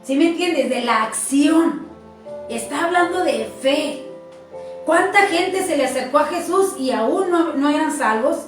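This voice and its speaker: A woman with a high voice tells faith stories in an animated way and repeats words for emphasis. She sounds far from the mic in a very echoey room. Soft music plays behind her. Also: unhurried. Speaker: church speaker. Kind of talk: faith talk with testimonies. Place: church.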